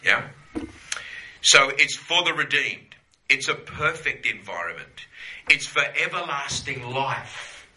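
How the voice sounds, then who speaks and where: Bright-voiced man teaching the Bible. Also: mid-range voice, expressive, takes it slowly, echoey room, rough recording. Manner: conversational, checks in with "yeah?"; quotes scripture, repeats phrases for emphasis. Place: teaching room with a group.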